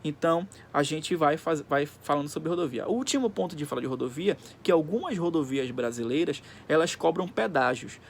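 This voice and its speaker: Guy teaching class, kinda high and gravelly, faint hiss behind. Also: lively intonation, a little fast, hardly any pauses. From Pará, Brazil. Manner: explains simply, often checks in with "tá?". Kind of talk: recorded classroom lesson.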